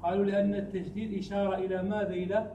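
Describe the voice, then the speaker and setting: High-voiced man teaching in an echoey room. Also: little pitch movement, muffled recording, background noise. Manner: quizzes students with repeated questions; chants verse lines slowly. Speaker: teacher of Arabic grammar. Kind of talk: classroom lesson. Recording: echoey room, distant mic.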